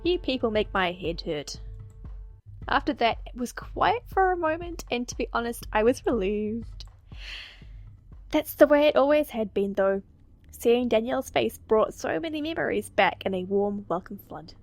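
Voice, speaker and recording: A woman's voice: fairly high pitch, animated, a little mellow, soft background music. Giggly woman reading a visual novel. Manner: giggly, quick asides, casual swearing. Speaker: let's play gamer. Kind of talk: casual let's play reading of a visual novel.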